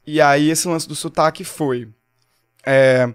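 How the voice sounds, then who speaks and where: A man's voice: a little high, steady tone, slow, clean tone. Pernambuco-accented man in casual chat. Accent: Pernambuco Portuguese. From Pernambuco, Brazil. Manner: rambling, many fillers and restarts. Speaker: guest singer.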